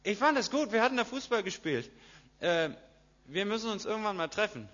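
A man preaching a lively sermon, acting out voices and swinging from hushed to loud. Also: high voice, brisk. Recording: dull lo-fi sound.

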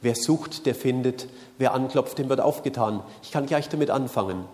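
A man giving a calm, earnest sermon to a live audience, repeating his key phrases. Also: medium pitch, normal speed. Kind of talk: sermon-style talk on faith and science. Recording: long hall reverb.

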